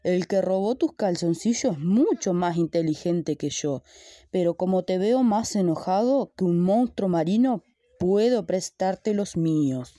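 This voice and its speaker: A woman voicing a protesting male crocodile in a lowered voice. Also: expressive, a little slow, warm tone, dry recording, studio quality.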